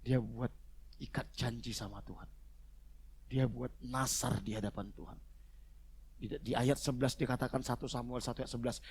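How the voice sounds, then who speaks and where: A man preaching a sermon to his congregation, moving between quiet, low asides and loud, fervent shouting. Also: steady tone, moderate pace, vocal fry, pauses often, slightly rough. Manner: addresses the congregation as "saudara". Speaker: pastor. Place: church service.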